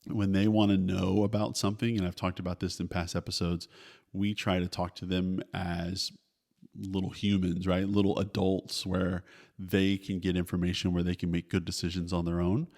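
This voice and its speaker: Deep-voiced middle-aged man, podcast host, candid, earnest, casual advice on fatherhood. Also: flat delivery, moderate pace, a little mellow. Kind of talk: casual parenting advice talk.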